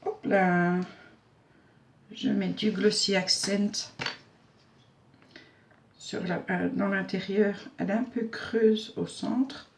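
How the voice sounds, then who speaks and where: A woman with a chatty, homely manner walks viewers through a craft project step by step. She narrates while her hands are busy, fills pauses with small fillers, and jokes about herself along the way. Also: medium pitch, fairly even intonation, gravelly, background noise. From Belgium. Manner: self-mocking humor. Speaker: craft tutorial host. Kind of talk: casual step-by-step craft tutorial.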